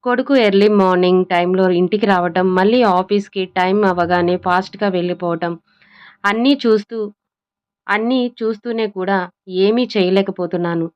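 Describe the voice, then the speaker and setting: ఒక మహిళ కొడుకు గురించి బాధపడే మధ్యవయసు తల్లి పాత్రను చేస్తోంది. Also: female voice, mid-range voice, fairly even intonation, normal speed, darkish tone, clean tone, muffled recording, lightly acted. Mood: worried. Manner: worried inner monologue. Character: worried middle-aged mother, sad and helpless.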